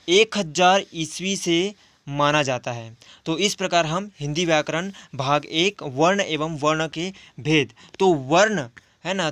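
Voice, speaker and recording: Male teacher, spoken grammar lesson, slightly high pitch, dry close sound, repeats each definition, stretches example sounds. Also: a bit bright, dry recording. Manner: explains step by step and repeats definitions, often tagging "है ना"; draws out example sounds slowly.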